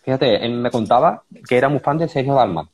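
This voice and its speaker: Fast-talking Spanish man, husky voice. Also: medium pitch. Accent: Spanish from Spain. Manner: animated storytelling, acts out quoted dialogue, says "tío" constantly. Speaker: musician guest. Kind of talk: casual chat.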